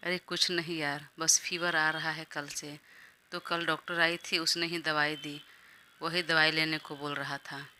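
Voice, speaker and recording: Woman playing a protective young husband, gentle, firm, slow speech, audio story. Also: low voice, flat delivery, a little hiss or hum, full character voice. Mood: caring. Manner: tender, bossy in a caring way.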